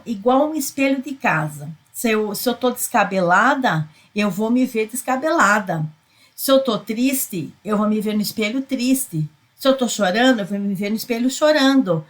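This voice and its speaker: A middle-aged woman with a Brazilian Portuguese accent, a psychoanalyst giving a conversational motivational talk, repeating herself and ending lines with tag questions. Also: medium pitch. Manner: repetitive, tag questions, many fillers. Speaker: psychoanalyst and spiritual speaker.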